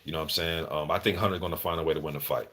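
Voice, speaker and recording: Deep-voiced guy talking boxing on a livestream, real informal and slangy, chatting with viewers. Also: fairly even intonation, rapid-fire, pushed and bright. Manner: colloquial, informal slang and swearing. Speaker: livestream host and boxing commentator. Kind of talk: casual live commentary chat with viewers.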